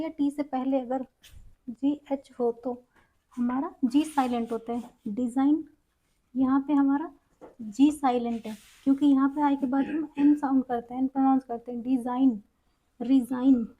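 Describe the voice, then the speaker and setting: High-voiced woman teaching English pronunciation. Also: dark tone, low-quality recording. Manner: repetitive, explains word by word in simple terms. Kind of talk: Hindi classroom-style English pronunciation lesson.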